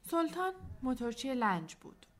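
A woman narrating a storybook, soft and at times nearly whispering. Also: sits high, sing-song. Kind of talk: storybook reading.

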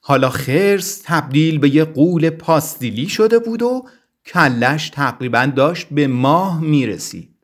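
A man's voice: fairly high pitch, expressive. A man narrating a children's storybook expressively, adding playful sound effects.

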